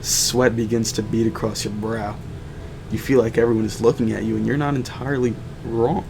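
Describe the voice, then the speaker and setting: A man's voice: mid-range voice, level tone, fairly quick, vocal fry, background noise. A man streaming a game playthrough, casually joking and reading the on-screen narration aloud in a playful way.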